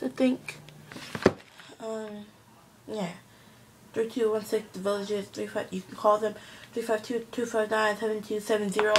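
Chatty girl vlogging from her bedroom. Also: a little high. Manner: chatty, rambling with many fillers. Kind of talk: casual show-and-tell vlog. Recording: home video with background noise.

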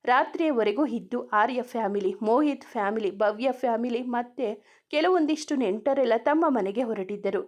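A woman's voice: fairly high pitch, moderate pace. A woman reading a romance story aloud, narrating and speaking every character in the same voice.

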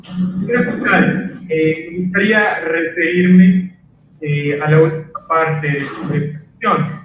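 A man, a defense lawyer, cross-examining a witness in a deliberate way with frequent hesitations. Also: on the high side, fairly even intonation, fairly bright tone, muffled recording, a little hiss or hum. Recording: distant, echoey courtroom audio.

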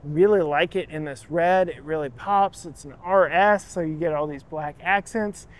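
Strolling an auto show, this car reviewer and channel host talks eagerly and chattily about the vehicles, lingering lovingly on details while directing his camera operator. His voice is slightly high and his pace is moderate.

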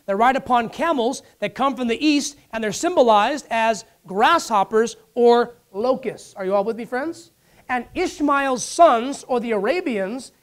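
A preacher giving a sermon, asking the congregation for responses and acting out Bible figures in dialogue. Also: mid-range voice.

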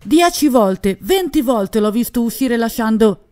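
A woman reading an audiobook, voicing a hot-headed young man who speaks loudly and urgently. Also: on the low side, lively intonation, moderate pace, lightly acted. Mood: shouting. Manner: raised, urgent delivery.

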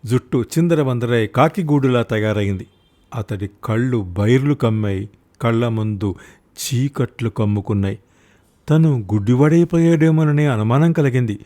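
A man's voice: moderate pace, warm tone. A man reading a village story aloud as an audiobook storyteller, acting out the characters in turn. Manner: voices characters with raised pitch and volume. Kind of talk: dramatic audiobook narration.

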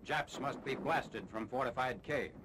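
A man narrating a 1940s wartime newsreel in a brisk, authoritative announcing manner, from an old newsreel soundtrack. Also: mid-range voice. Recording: old newsreel with loud noise.

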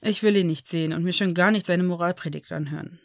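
A woman voicing an injured young man who answers in a quiet, mumbling, hesitant way, read from a fan fiction story. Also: fairly low pitch, fast, no room sound, clean studio sound, natural voice. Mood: subdued.

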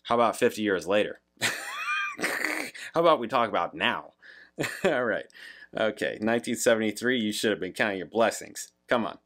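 Casual male reaction host, deep voice, young adult, chatty and meandering with filler words. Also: animated, moderate pace, long pauses, a bit bright. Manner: rambling, many fillers, laughs, reads lyrics aloud.

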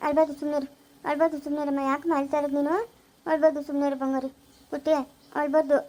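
A gentle orphanage caretaker, played by a woman, coaxes a crying child in a very high, light voice. She repeats the same soothing words over and over. It sounds like a homemade family skit. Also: little pitch movement, quick pace, heavy background noise, natural voice. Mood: coaxing. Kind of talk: amateur family skit acting.

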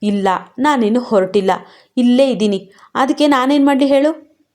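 An overworked young wife lashes out in bitter, tearful complaints, as a woman reads her part. Her voice sits fairly high and she scolds in sharp bursts. It sounds like a spoken storybook. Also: moderate pace, natural voice. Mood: scolding. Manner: scolding, sobbing outbursts.

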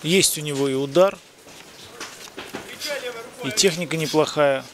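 A man's voice: fairly high pitch, a little slow, crowd noise. A man giving live boxing commentary in a conversational way. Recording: loud music behind the voice. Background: loud music, event hall sound.

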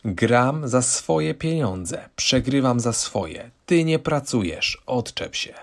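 A man's voice: mid-range voice, expressive, slow, gravelly, pitched above the performer's own voice. A man reading a condescending gambling husband. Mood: angry. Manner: condescending, defensive. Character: smug middle-aged husband, dismissive gambler.

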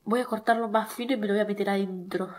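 A woman's voice: medium pitch, steady tone, fast. A young woman with an Argentine accent, talking casually to her followers while stuffy-nosed from a cold, chatty and self-mocking, whining when it hurts. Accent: Argentine Spanish. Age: young adult. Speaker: TikTok creator. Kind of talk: casual vlog chat.

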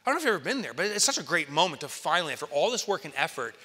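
A man in his forties giving an animated stage keynote, telling stories and acting out quotes with sudden excited highs, on a headset mic. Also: racing, breathy edge. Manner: lively storyteller, acts out quotes and jumps to excited highs. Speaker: keynote speaker. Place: large conference hall, on stage in front of an audience. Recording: reverberant hall.

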